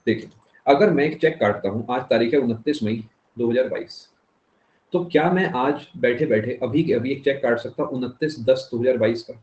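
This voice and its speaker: A man teaches an economics class step by step, dropping in English phrases and checking that students keep up. His voice is medium-pitched and darkish at normal speed, and the classroom recording sounds dull and echoey.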